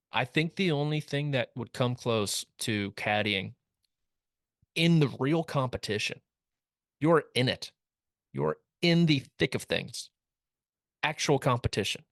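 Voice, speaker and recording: A man's voice: medium pitch, a bit bright, no room sound. A young man hosting a casual comedic sports recap, wry and rambling with jokey asides, recorded close in a small studio. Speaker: host.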